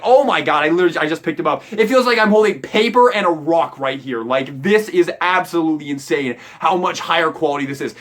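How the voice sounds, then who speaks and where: Young male toy reviewer, quick and high-pitched, rambling and excitable. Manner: excitable, rambling, swears casually. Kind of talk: casual toy review walkthrough.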